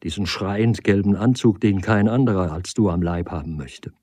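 A man's voice: sits low, normal speed, a little mellow, no echo, clean studio sound. A man reading the part of a desperate woman who weeps, pleads and reproaches her lover. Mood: pleading. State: crying.

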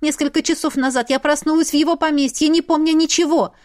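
A woman voicing a desperate young heroine who pleads in shrill outbursts. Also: steady tone, fast, a little mellow, close to an everyday voice.

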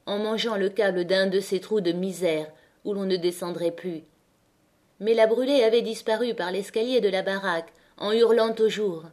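A woman narrating an audiobook of a classic novel in a measured, dramatic reading. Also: mid-range voice, a little mellow. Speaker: audiobook reader.

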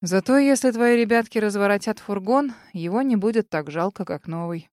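A woman reading an audiobook, voicing a gruff, blunt male police commissioner who scolds an old friend. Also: mid-range voice, normal speed, a little mellow, no room sound, clean studio sound, natural voice. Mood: gruff scolding.

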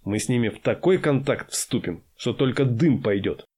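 A man's voice: medium pitch, animated, moderate pace, breathy edge. A man doing a bossy, blustering starship commander. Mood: commanding. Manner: barks orders, loud and self-assured.

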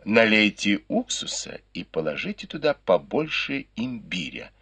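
A man doing a sharp, teasing noblewoman. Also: lowish voice, very animated, unhurried, slightly rough, dry recording, full character voice. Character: sharp-witted noble young lady, mocking.

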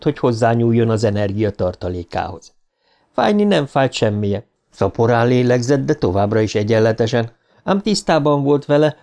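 A man reads a novel aloud as a professional audiobook narrator. His telling is expressive and dramatic, lifting in pitch as the scene grows tense. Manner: expressive dramatic reading, tension rising in pitch.

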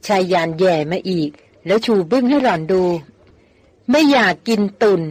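A woman's voice: mid-range voice, animated, normal speed, a little mellow, slightly rough, dry recording. A woman reader voicing a teasing young man who mocks his companion in a jungle camp. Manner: teasing, mocking, laughing.

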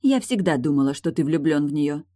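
A woman reading an audiobook, voicing a brash, sharp-tongued retired guardswoman who is mocking, blunt and pushy. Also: low voice, lively intonation, fairly quick, no echo, clean studio sound. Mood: scheming.

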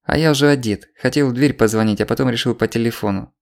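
A man's voice: medium pitch, fast, vocal fry, close to an everyday voice. A man reading an audiobook, voicing a panicky, breathless middle-aged man who wails down the phone. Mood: anxious. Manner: wailing, rattled.

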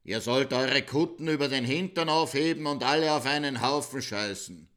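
A man voicing a brash, crude, reckless king who barks slow, emphatic commands. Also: medium pitch, fairly bright tone, natural voice. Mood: bossy.

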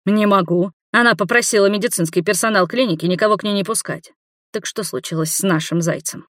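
A woman's voice: medium pitch, fairly quick, a bit bright, dry recording, studio quality, close to an everyday voice. A woman voicing an agitated male doctor who fires off heated, almost hysterical questions. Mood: irritated.

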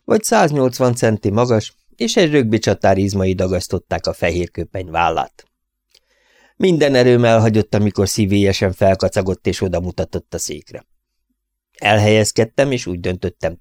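A man narrating a humorous first-person audiobook in an expressive storytelling manner. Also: fairly low pitch, dry recording.

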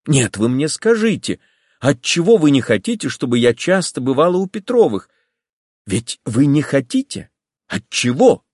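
A man puts on a fiery, impulsive young woman in this audiobook, raised high above his own register and pushed louder. Her lines press and plead, swooping in pitch. The recording is close and dry. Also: big pitch swings, moderate pace, no echo. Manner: pleading, agitated, insistent. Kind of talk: audiobook character voice.

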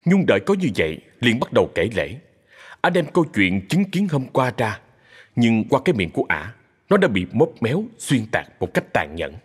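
A man narrating a dramatic folk story in a steady, expressive storytelling manner. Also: mid-range voice, normal speed, breathy edge, big-room sound.

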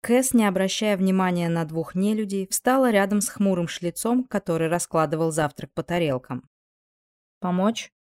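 A woman narrating a fantasy audiobook in a steady, even storytelling manner. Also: on the low side, normal speed, hardly any pauses, dry recording. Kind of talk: scripted narration.

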